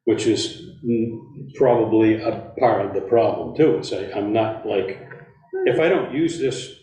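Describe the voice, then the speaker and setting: A man's voice: lowish voice, unhurried, mellow. Rambling man, distant in an echoey room. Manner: rambling, self-deprecating, restarts often. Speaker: commission member. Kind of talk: casual meeting discussion. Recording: roomy, distant meeting mic.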